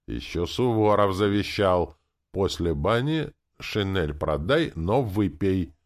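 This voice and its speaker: Man playing a rowdy old country carpenter, bossy, folksy, gravelly, swings up and down in an audiobook. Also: low-pitched, lively intonation, slow pace, voice pushed up, exaggerated voice. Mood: boisterous. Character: boisterous old village carpenter, hard-drinking joker.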